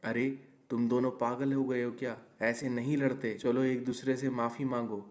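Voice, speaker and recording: A man's voice: medium pitch, little pitch movement, normal speed, darkish tone, natural voice. A man voicing a caring but scolding middle-aged mother-in-law in a cartoon story. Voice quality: scolding, admonishing.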